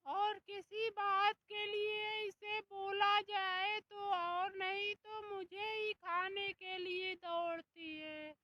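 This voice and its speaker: A performer voicing a scolding, nagging older mother-in-law with a Bhojpuri-tinged accent in a comic skit, wailing and drawn-out. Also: very high voice, noisy background, full character voice. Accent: Bhojpuri-tinged Hindi.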